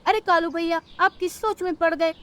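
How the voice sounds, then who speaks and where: A woman's voice: very high-pitched, fairly even intonation, moderate pace, a bit bright. A woman voicing a small, honest female sparrow in a cartoon story, who speaks in a polite, pleading way.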